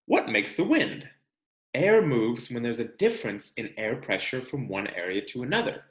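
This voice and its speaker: In a room with clear echo, a man with a mid-range voice reads from a children's science book the way a teacher would. His pitch rises and falls with energy as he explains things straight to young listeners.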